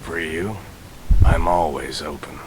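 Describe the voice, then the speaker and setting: Very deep secretive merchant murmur. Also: male voice, takes it slowly, a little mellow, slight background noise, low-quality recording. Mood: sly. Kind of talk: video game voice acting.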